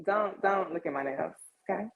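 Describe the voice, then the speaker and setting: Chatting at a normal speed in a fairly low, creaky voice, a roughly thirty-year-old woman hosts a casual livestream. She speaks informally and slangily right to her audience, and the audio sounds narrow and tinny.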